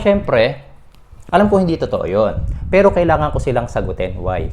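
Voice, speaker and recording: A man's voice: mid-range voice, a little mellow, a little hiss or hum. A mechanic vlogger defending himself in a casual talk to his viewers. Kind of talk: casual vlog rant to viewers.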